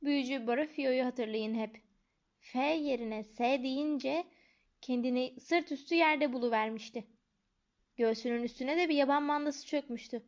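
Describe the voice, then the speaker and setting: A woman reading a storybook and voicing a tiny, excitable old male wizard teacher who squeaks his instructions slowly and with emphasis. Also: lightly acted. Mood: instructing. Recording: dull lo-fi recording.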